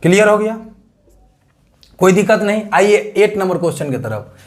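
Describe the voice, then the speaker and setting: A man's voice: sits high, sing-song, normal speed. A man teaching a reasoning class, coaxing students with questions he answers himself and muttering sums under his breath. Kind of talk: classroom lecture.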